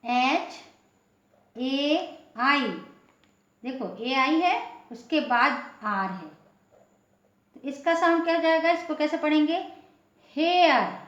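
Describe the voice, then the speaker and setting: A woman teaches pronunciation very slowly, spelling words out letter by letter before saying them. Her voice sits high, and she asks and answers her own questions. The recording is echoey and a bit dull. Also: a bit bright.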